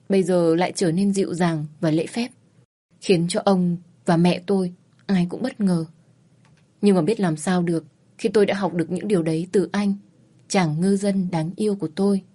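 A woman's voice: on the low side, dark tone. A woman narrating a first-person romance story in a wistful, self-mocking tone.

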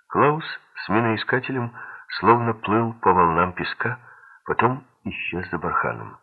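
A male audiobook narrator reading a thriller at a slow, steady pace, his voice very deep, gravelly and somewhat husky. The sound is narrow and tinny, like a phone line. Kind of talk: scripted narration.

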